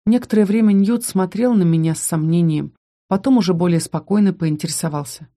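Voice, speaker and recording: A woman narrating a first-person fantasy audiobook in a steady, even storytelling manner. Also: lowish voice, a little fast.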